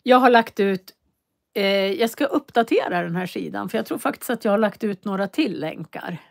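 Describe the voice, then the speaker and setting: A woman teaching Swedish in a live online lesson, speaking slowly and clearly and repeating phrases for learners to copy. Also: medium pitch, expressive. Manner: walks viewers through web links on screen.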